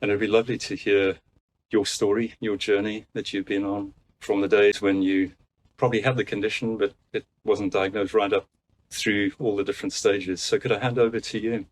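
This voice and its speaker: A man's voice: on the low side, level tone, normal speed, a little hiss or hum, poor audio. A man hosting an interview podcast, presenting and putting questions to his guests. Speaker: podcast host. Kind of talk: scripted podcast introduction and interviewing.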